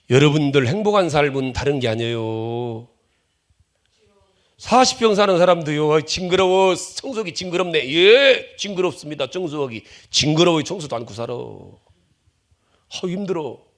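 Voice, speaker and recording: A male pastor preaching with a high, gravelly voice that swings widely in pitch. He acts out angry quarrels in loud bursts and then falls to near-whispers. He speaks as a middle-aged preacher in a church sanctuary. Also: measured pace, pauses often. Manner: animated preaching, acting out quarrels with shouted bursts and dropping to whispers. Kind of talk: sermon.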